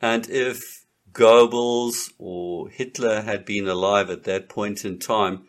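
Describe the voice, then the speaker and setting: A man's voice: fairly low pitch, steady tone, slow. A man delivering a lecturing monologue in an emphatic, repetitive and contemptuous manner.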